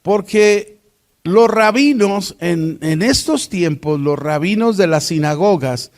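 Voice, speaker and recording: A man with a Mexican accent teaching a Bible class, posing rhetorical questions to his students. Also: high voice.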